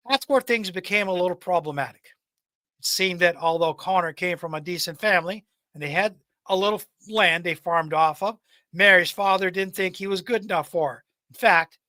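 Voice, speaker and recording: Male storyteller, high pitch, scripted podcast narration, occasional stumbles and repeats, very dry close recording. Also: bright, forceful tone, no echo. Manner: stumbles and repeats words while reading. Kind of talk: scripted narration, reading a folk tale.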